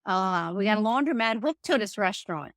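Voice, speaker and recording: A middle-aged restaurant owner from New Orleans, Louisiana, guests on a podcast, telling stories in a folksy, chatty way with her local accent. Her medium-pitched voice is brisk, a bit bright, and lively, recorded clean in a studio with no room sound.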